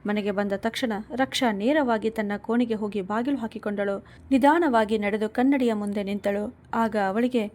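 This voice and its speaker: Mellow-voiced woman narrating a story. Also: fairly high pitch, moderate pace.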